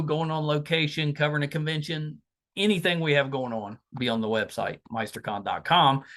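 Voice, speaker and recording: A man's voice: mid-range voice, fairly bright tone. A man with an Appalachian West Virginia accent, hosting a podcast in a casual, folksy, conversational way. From West Virginia, USA. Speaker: podcast host.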